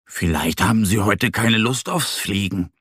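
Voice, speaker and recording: Mann als kleiner Bär, eifrig, laut und deutlich, leicht rauchig. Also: male voice, fairly low pitch, unhurried, fairly bright tone, husky, no echo, clean studio sound.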